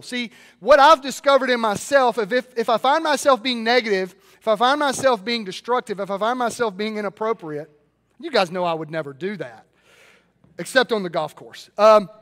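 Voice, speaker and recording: Southern preacher guy, really high voice, loud then hushed, big echoey church hall. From Mississippi. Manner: lively, swings from loud to hushed. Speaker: pastor. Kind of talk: sermon. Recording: long reverb of a large hall.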